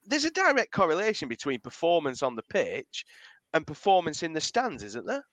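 Lively joking man on a football podcast. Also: fairly high pitch, moderate pace, no room sound. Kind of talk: casual football chat.

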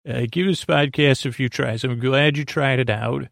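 A man with a creaky, mid-range voice hosts a sleep podcast, talking at normal speed in a gentle, reassuring ramble full of halts, repetitions and stumbled words. It's a soothing monologue, recorded dry at studio quality.

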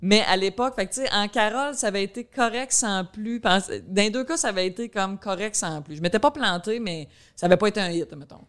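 A woman's voice: medium pitch, fast talker, hardly any pauses, clean tone. A woman in her thirties with a rural Quebec French accent, a comedian chatting loosely as a podcast guest, full of fillers. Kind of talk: casual chat.

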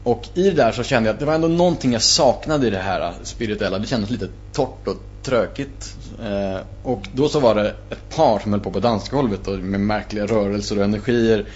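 A man talking as a podcast guest in a casual storytelling style, animated and acting out his own past reactions. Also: lowish voice, hardly any pauses, faint music behind. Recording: muffled lo-fi with faint hum.

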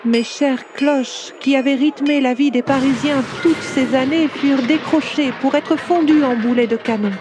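A woman voicing an ancient, proud and gentle female cathedral that tells its own story in a tender, confiding way, for a storybook audio drama. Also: high-pitched, steady tone, moderate pace, hardly any pauses, background noise, natural voice. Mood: sorrowful.

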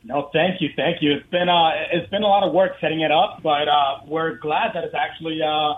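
A man's voice: fairly high pitch, steady tone, a little fast, a little hiss or hum. A man in his thirties from the Dominican Republic, a guest on a radio show calling in, talking with many fillers and restarts. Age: 30s. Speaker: guest, parade co-founder. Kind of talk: phone interview. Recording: tinny phone line.

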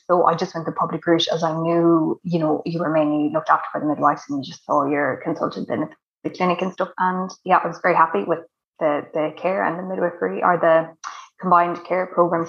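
A woman's voice: on the low side, fairly bright tone, muffled recording. Chatty woman with west of Ireland accent. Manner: chatty, emphatic, repeats words for emphasis. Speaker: interview guest. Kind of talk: casual personal storytelling.

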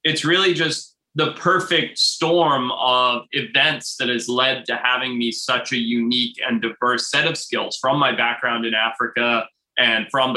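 Bright animated man in an echoey room. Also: mid-range voice. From Zimbabwe. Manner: animated storytelling, laughs often. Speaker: wildlife biologist, author. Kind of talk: interview conversation.

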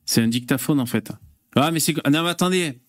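A man's voice: a little high, fairly quick, no echo, clean studio sound. A man hosting a casual live stream, chatting with viewers in a loose, hesitant way with lots of fillers and curse words. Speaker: host.

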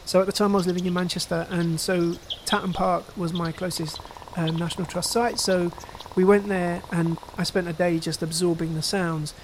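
High-voiced man, relaxed, in a noisy outdoor setting. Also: normal speed. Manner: relaxed and reflective, with fillers like "you know". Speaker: composer and sound artist. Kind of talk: interview.

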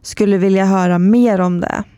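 Woman host, encouraging, mid pitch, dry close sound. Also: steady tone, mellow, dry recording. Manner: encouraging, asks follow-up questions. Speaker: podcast host. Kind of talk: casual chat.

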